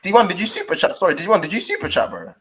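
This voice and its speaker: A man's voice: high voice, wildly swooping pitch, rapid-fire, a bit bright. A man hosting a casual livestream chat, informal and slangy, often repeating himself. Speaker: fan show host.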